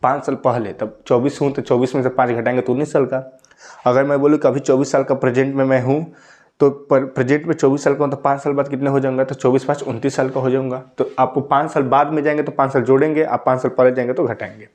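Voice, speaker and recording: A man's voice: medium pitch, flat delivery, fast, darkish tone. A young man teaching a maths lesson, explaining exam problems step by step and checking in with his students again and again. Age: 20s. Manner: repeats points with frequent "ठीक है" check-ins.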